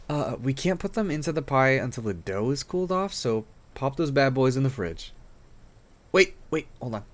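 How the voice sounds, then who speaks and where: In an intimate roleplay audio drama, a man with a mid-range voice plays an affectionate, playful and protective boyfriend. He sounds tender and teasing, stammering slightly as he speaks.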